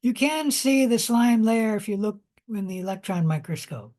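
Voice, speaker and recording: A woman lecturing on biology, explaining slowly and carefully with pauses, fillers and restarts. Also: mid-range voice, expressive, dark tone. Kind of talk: recorded micro lecture.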